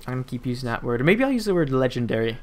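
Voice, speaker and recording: Young man, casual gaming commentary, mid-pitched, loose and rambling, home desk mic. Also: sing-song, very fast. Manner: rambling and chatty, with frequent fillers and restarts and playful asides. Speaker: gaming YouTuber. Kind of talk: casual gameplay commentary voice-over.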